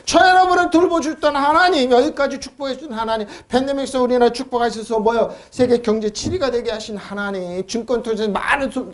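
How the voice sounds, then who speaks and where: A man preaching a sermon as a pastor. He talks in an animated way, asks rhetorical questions, mocks the complaints of believers, and calls for amens. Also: extremely high pitch. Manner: calls for amen responses.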